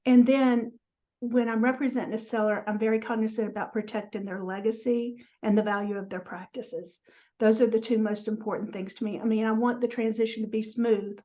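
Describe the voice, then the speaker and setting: A middle-aged woman with a Southern American accent speaks conversationally as an advisor being interviewed. Her voice sits a bit high with very little pitch movement, and the video-call audio is slightly muffled. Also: steady tone, a little fast, warm tone. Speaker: guest, practice transition advisor. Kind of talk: casual interview chat.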